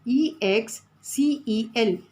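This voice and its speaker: A woman's voice: on the high side, takes it slowly, darkish tone, rough recording. A woman teacher, giving a classroom lesson from the textbook, repeating her points and spelling out words.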